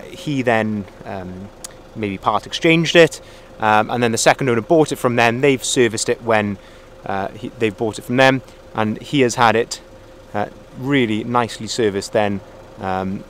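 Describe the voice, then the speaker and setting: A man, a car salesman, walking around a used pickup outdoors and calmly pointing out its features. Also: mid-range voice, slight background noise. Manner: friendly, methodical, repeats phrases. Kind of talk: walkaround vehicle review. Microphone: handheld phone camera, filming himself off-screen.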